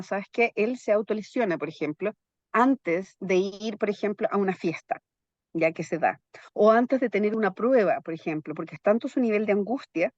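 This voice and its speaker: A woman's voice: mid-range voice, a little mellow, no echo. Woman psychologist, dry dull sound. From Chile. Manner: keeps checking in with "¿ya?" tags. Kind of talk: explanatory interview talk.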